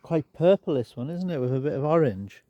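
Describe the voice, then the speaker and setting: A man's voice, on the high side and brisk, comes through a dry recording with the highs cut off. He's a garden vlogger with a stuffed-up, nasal tone, chatting and rambling with relaxed asides as he films a casual walk-and-talk around his outdoor garden on a handheld phone.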